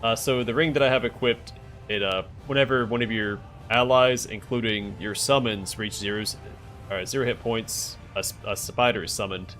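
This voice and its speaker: Male game streamer, low pitch, casual chatty commentary, light music behind. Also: fairly even intonation, moderate pace, fairly bright tone. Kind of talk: casual gameplay commentary, answering chat.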